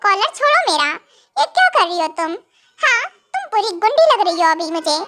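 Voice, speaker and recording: A woman's voice: extremely high pitch, big pitch swings, fairly quick, pushed and bright, slight background noise, full character voice. A woman voicing a stern, possessive young husband in a fan audio drama, scolding and then coaxing.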